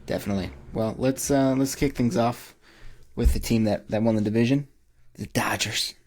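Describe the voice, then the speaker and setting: A man's voice: mid-range voice, moderate pace, a little mellow. A man hosting a casual baseball podcast, joking as he rattles off player names. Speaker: podcast host. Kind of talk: casual sports podcast chat.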